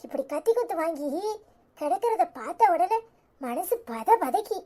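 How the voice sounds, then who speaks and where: A woman voicing a grieving, bitter older mother-in-law who laments slowly, with a Tirunelveli Tamil accent. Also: big pitch swings, dark tone, full character voice. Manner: low, heavy, slow lament.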